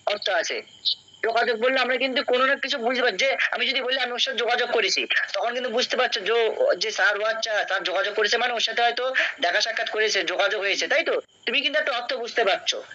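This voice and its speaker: A man's voice: very high-pitched, fast, sharp tone, dull audio, slight background noise. A young man teaching a classroom lesson, patient and questioning, often checking that his students follow. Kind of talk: classroom lecture.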